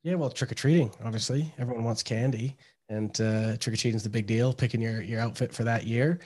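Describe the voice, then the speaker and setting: A Canadian man in his thirties speaks in a level, flat tone with little rise and fall. He answers questions plainly, as an academic guest on a casual podcast. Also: mid-range voice, brisk, breathy edge. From Canada, Toronto area. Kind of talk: casual interview talk.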